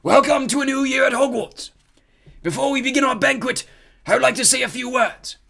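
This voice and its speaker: A man's voice: very high-pitched, brisk, creaky, pushed and bright, voice pushed up, exaggerated voice. A man voicing an elderly, eccentric headmaster wizard making grand, whimsical pronouncements.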